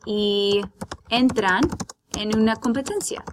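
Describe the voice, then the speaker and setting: Slow, patient bilingual teacher woman. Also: fairly high pitch, fairly even intonation, background noise. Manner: explains words slowly and patiently, switching between Spanish and English. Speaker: Spanish teacher. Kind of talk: vocabulary lesson, bilingual.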